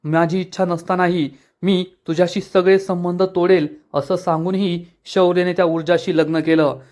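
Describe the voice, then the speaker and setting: A man's voice: high voice, flat delivery, moderate pace, darkish tone, lightly acted. A man voicing a stern, scheming middle-aged father who gives firm, commanding lines in a serial recap. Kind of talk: dramatic reading of a TV serial recap.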